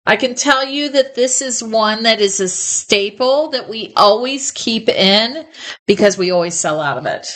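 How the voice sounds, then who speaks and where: Slow, chatty woman hosting a live sale. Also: a little high, animated, a bit bright. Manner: chatty and enthusiastic, laughs often. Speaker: host of a live ornament sales show. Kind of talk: casual live sales chat. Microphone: close mic, live stream.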